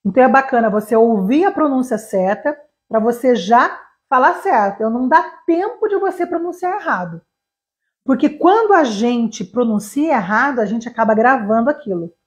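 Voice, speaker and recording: A woman's voice: a little high, lively intonation, moderate pace. A Brazilian woman, an English teacher, giving a live online lesson, explaining animatedly with examples and rhetorical questions. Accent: Brazilian Portuguese.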